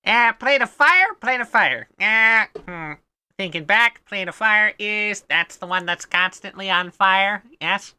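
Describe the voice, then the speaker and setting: A woman's voice: mid-range voice, steady tone, slow pace, sharp tone, clear, resonant tone, no echo. A woman voicing a carefree, eccentric man who loves fire, rambling playfully in a tabletop role-play. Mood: musing.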